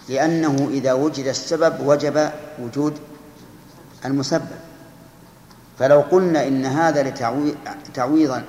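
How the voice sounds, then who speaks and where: A man's voice: mid-range voice, a little mellow. A man giving a grammar lesson, explaining step by step and putting questions to his students. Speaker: teacher. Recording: echoey hall recording, faint noise.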